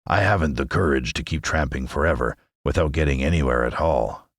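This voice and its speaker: A man's voice: extremely low pitch, fairly quick, dry recording, clean studio sound. A man reading a storybook aloud, voicing a timid male lion who whimpers. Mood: whimpering.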